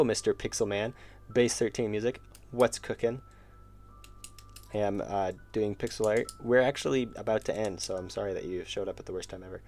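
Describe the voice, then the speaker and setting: A streamer and indie game developer chats casually on a live stream while drawing, rambling and thinking aloud with restarts and chuckles. His lowish, darkish voice has vocal fry and is wearing out as he loses it.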